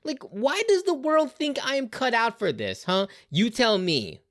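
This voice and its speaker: A woman's voice: fairly high pitch, very animated, measured pace, voice pushed up. A woman voicing an exasperated teenage girl who ranted sarcastically about being asked to save her people. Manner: sarcastic, incredulous rants.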